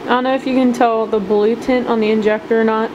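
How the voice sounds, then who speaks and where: The sound is lo-fi, with a noticeable air-conditioning hum, as a woman with a higher voice rapidly explains her soft plastic bait making at a home bench. Her tone stays steady, and her chatty, upbeat delivery is full of fillers.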